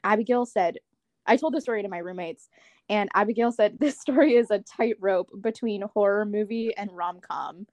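A young woman telling friends an animated story in casual chat, swearing and acting out quotes. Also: medium pitch, normal speed, no echo.

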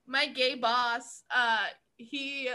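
A woman's voice: a little high, steady tone, drawn-out words, pushed and bright, clean tone. A woman comedian chatting casually, giggly and crude, with lots of fillers. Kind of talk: casual chat.

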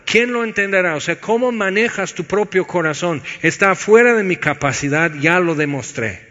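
A man preaches a sermon in a large church hall, his voice sitting a little high. He swings from loud urging to hushed, low-voiced emphasis. The sound is dull and carries a long reverb from the room. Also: animated, moderate pace.

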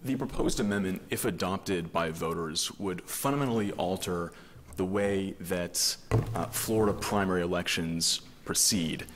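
Deep voiced lawyer guy arguing formally, careful wording, reverby room. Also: moderate pace. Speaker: attorney arguing before a court. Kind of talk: formal oral argument. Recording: reverberant courtroom, faint noise.

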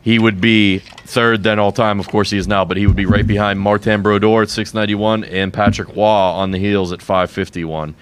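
Low-pitched man analyzing betting picks. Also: flat delivery, clear, resonant tone. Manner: measured, explains picks with records and statistics. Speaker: sports betting show panelist. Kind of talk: casual sports analysis.

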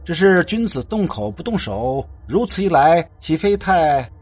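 A man's voice: on the high side, sing-song, slightly rough, voice pushed up, exaggerated voice. A man doing a stiff, pompous ghost scholar. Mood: solemn. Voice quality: slow, stiff, archaic bookish manner. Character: pompous old-fashioned male Ming scholar ghost.

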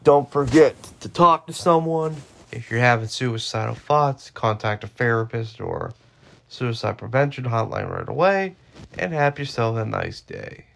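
A young man in his twenties talks through his own podcast alone, drifting from one offhand joke to the next. His voice has a gravelly, fried edge. His pitch rises and falls a lot as he rambles. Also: animated, a little slow, fairly bright tone. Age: 20s. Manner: rambling, offhand, jokey asides. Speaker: podcast host. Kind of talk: solo podcast monologue.

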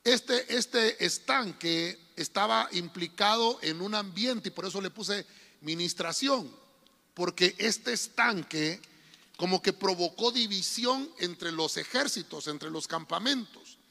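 A man's voice: high-pitched, lively intonation, slow pace, creaky, pushed and bright. A man preaching a sermon as pastor, speaking fervently and addressing the congregation directly, often checking in with them. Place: church hall. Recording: reverberant hall with faint music.

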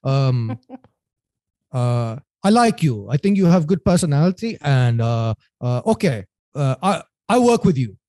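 A man voicing a friendly male German shoe manufacturer in a halting, put-on German accent. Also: mid-range voice, big pitch swings, mellow, no room sound, studio quality. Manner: halting, repeats "yeah" and "okay".

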